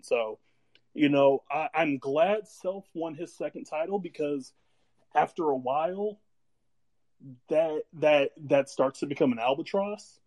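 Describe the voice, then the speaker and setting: A man's voice: medium pitch, a little mellow, no room sound. An American man giving casual, rambling sports analysis as a guest on a live audio chat.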